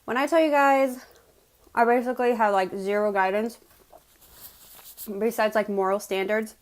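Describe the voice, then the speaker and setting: A woman from West Virginia with an American accent tells personal stories in a casual, chatty way to viewers, pausing to chew as she eats. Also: a little high, steady tone. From West Virginia, United States. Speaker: mukbang host telling personal stories.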